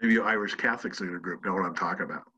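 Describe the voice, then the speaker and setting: A man's voice: low voice, very fast, sharp tone, slight background noise. A man giving a casual presentation on humor, chatty and self-deprecating, with lots of fillers and restarts. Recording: dull lo-fi audio.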